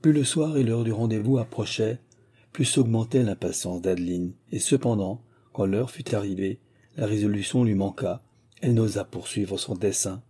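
A man narrating a classic novel in a measured, even literary reading. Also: fairly low pitch, breathy edge. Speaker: audiobook narrator.

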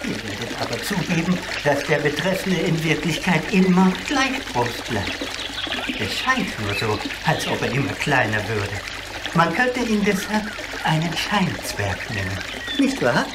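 In a radio play, a male actor voices a gentle, courteous, lonely old giant, explaining things earnestly and with theatrical expression. His voice is fairly high and a little slow, and the recording is very noisy.

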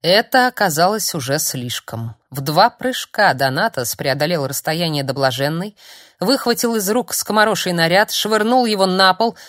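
A woman narrating a story in an expressive, even storytelling manner. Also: on the low side, no echo, clean studio sound. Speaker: audiobook narrator.

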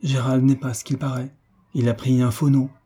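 A man voicing an earnest young gentleman in an audiobook, explaining gently and earnestly. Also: medium pitch, little pitch movement, normal speed, breathy edge, soft background music, natural voice. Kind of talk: audiobook character reading.

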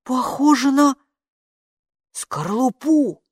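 A woman voicing a calm, gloomy boy in an audiobook who explains things matter-of-factly. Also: mid-range voice, moderate pace, no room sound, studio quality, natural voice. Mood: glum. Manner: glum, matter-of-fact. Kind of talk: audiobook character voice.

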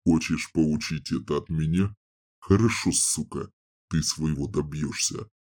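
A man reading an audiobook, voicing a cruel, brutish male bandit leader in a low, menacing growl. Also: unhurried, a little mellow. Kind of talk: audiobook character voice.

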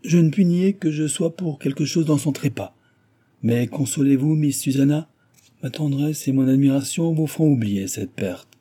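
A man's voice: fairly high pitch, moderate pace, warm tone, husky, pitched above the performer's own voice. A man voicing a scheming villainous suitor who speaks with mocking courtesy and a threat behind it. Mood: gloating. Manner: mocking, oily courtesy, grinding his teeth.

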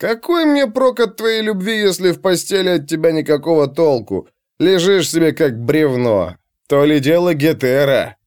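A man's voice: fairly high pitch, big pitch swings, a little slow, darkish tone, clean tone, no echo, clean studio sound. A man voicing a drunk, boorish barbarian with a strong Scythian accent, slurring and scornful. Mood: drunk swagger. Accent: strong Scythian accent put on.

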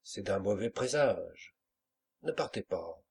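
A timid young woman begs softly and anxiously, voiced by a man in an audiobook, her pleas quiet and hushed. The reading voice underneath stays husky. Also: sits low, lively intonation, slow pace, full character voice. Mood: pleading. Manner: timid, pleading. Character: timid pleading young woman, captain's lover.

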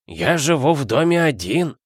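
Man doing a dignified, creaky old butler. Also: fairly high pitch, very animated, moderate pace, dry recording, studio quality, voice pushed up. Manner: stately, creaky.

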